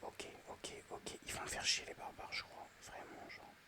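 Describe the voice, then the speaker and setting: Whispering at a moderate pace, an excitable man chats with his viewers in ASMR style while he plays a mobile game.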